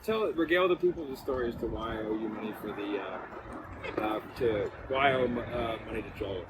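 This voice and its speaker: A man's voice: lowish voice, fairly quick. A man hosting a casual podcast, joking and bantering, often chiming in with short agreements. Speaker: podcast host. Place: seated in an ice bath at a retreat. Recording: clearly noisy ambient background.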